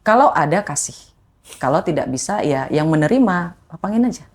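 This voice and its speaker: A woman's voice: low voice, brisk. A woman guest telling personal stories in casual talk, acting out the voices of people she quotes. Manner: animated, re-enacts quoted voices. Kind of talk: emotional personal storytelling.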